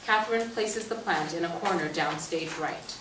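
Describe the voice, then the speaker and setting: Reading stage directions as narrator at a play reading, a woman speaks at a moderate pace in a fairly low voice. The setting is an echoey indoor stage or hall, and a distant mic picks up faint noise along with the room's echo.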